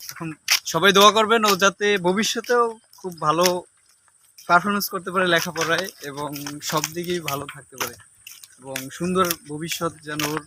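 A man's voice: sits high, a little fast. A man chatting casually to vlog viewers and the people with him. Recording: clear background noise with clicks.

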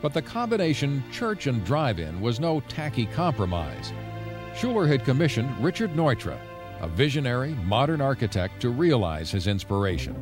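A man giving scripted documentary narration in a measured storytelling delivery. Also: medium pitch, big pitch swings, over music.

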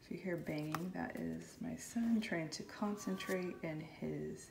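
A woman with a raspy voice from smoky air, chatting casually as she unboxes a planner kit at home. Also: fairly low pitch, unhurried, background noise. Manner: chatty, enthusiastic, soft-spoken at times. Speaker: planner vlogger. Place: home, while her son is in an online class.

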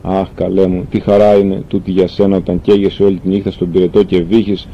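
An anxious, grieving mother pleads with her son, read by a man with a fairly low voice. The recording is dull and lo-fi, with a faint rumble. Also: little pitch movement. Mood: worried.

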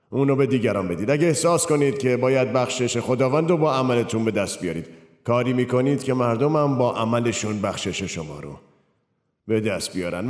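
A man's voice: lowish voice, a little mellow, close to an everyday voice. A man voicing a preacher, delivering a sermon in an earnest, conversational way and asking the audience questions. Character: earnest middle-aged male preacher. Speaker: pastor. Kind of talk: dubbed sermon. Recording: echoey hall with faint music.

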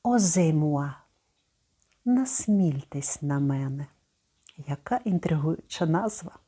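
Mellow, low-voiced woman teaching pronunciation. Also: lively intonation. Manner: slow, careful word-by-word enunciation, repeating words to copy. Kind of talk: spoken lesson.

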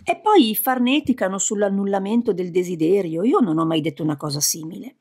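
Woman reading grumpy sage god guy, complaining, husky voice. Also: mid-range voice, animated, a little fast, a little mellow, close to an everyday voice. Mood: peevish. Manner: quarrelsome, complaining. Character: quarrelsome male enlightened sage deity.

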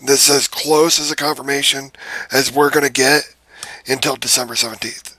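A man hosting a trailer reaction video, chatting casually from a small room, moving between short exclamations and slower musing. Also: mid-range voice, flat delivery, bright, forceful tone. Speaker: YouTube host.

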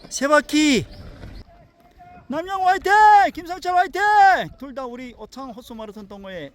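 A man giving casual live commentary on a race at an outdoor track while filming it, often shouting encouragement to the runners. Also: very high-pitched, normal speed. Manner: excited, cheering and shouting encouragement. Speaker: amateur running club member filming a race. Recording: outdoor noise from a stadium track.

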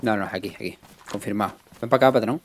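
A man's voice: on the low side, quick pace, slight background noise. Young man, live game stream commentary, chatty, talks to viewers. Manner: chatty, greets and thanks viewers.

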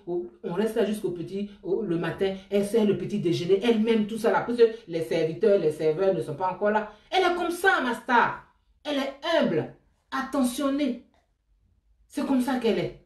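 A woman with an Ivorian French accent tells personal memories aloud, her voice swinging high and loud when she gets excited and dropping low and soft for quoted words. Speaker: storyteller sharing memories. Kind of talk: animated personal storytelling. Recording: echoey room, voice from a distance.

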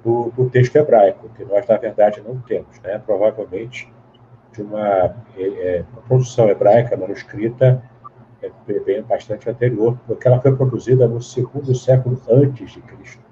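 A man's voice: lowish voice, fairly even intonation, normal speed, warm tone. A man, explaining at length as an interview guest, in a teacherly way with many tag questions and restarts. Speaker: guest Bible scholar. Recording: dull lo-fi sound with faint hiss.

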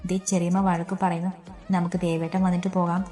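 A woman voicing a gentle young woman coaxing a sulking girl. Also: on the low side, flat delivery, fairly quick, soft background music, natural voice.

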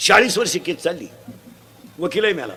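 A man preaching a comic devotional sermon, loud and joking, quizzing the audience with blunt, earthy village humour. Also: high voice, sing-song, moderate pace, very noisy. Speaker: kirtan preacher.

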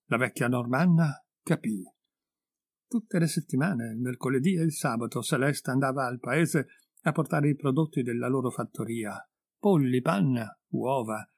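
A man reading a story aloud in measured, unhurried narration into a close mic. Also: mid-range voice, darkish tone, slightly rough, no echo. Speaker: reader.

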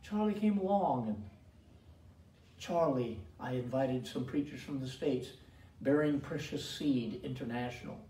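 A man's voice: mid-range voice, a little slow, dark tone. An older man preaching a sermon as pastor, with emphatic delivery and repeated calls to the congregation. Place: church sanctuary. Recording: roomy echo from a distant mic.

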